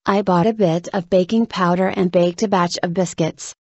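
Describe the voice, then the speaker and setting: A woman reading scripted tongue twisters aloud with careful, deliberate articulation. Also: lowish voice, fairly even intonation, darkish tone, dry recording, dull audio.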